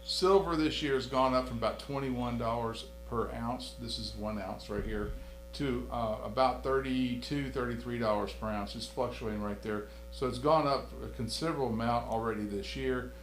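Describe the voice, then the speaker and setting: A man's voice: mid-range voice, moderate pace, slight background noise. Rambling man in an echoey studio. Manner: rambling, repeats himself, jokes around. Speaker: host. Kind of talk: casual studio chat.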